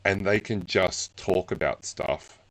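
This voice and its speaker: A man co-hosting a podcast interview and talking about his clients, speaking hesitantly with many pauses. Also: low voice, creaky, fairly bright tone, rough recording.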